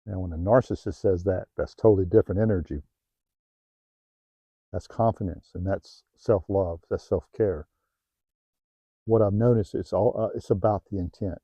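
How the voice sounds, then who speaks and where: Middle-aged Southern man, low-pitched and heartfelt, motivational vlog, dry lo-fi sound. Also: moderate pace, pauses often, husky, dry recording. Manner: heartfelt, repetitive, restarts phrases, softens when personal. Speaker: self-help vlogger. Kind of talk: earnest motivational talk to camera. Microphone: new home-video mic, dull sound.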